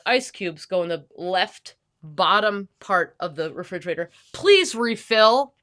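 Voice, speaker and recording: A woman's voice: medium pitch, a bit bright, no room sound, studio quality, lightly acted. A woman hosting a comedy podcast as a fussy, intense perfectionist who lectures emphatically into a podcast microphone. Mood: indignant. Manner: fussy, emphatic, lecturing, quick to get heated. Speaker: podcast host in character.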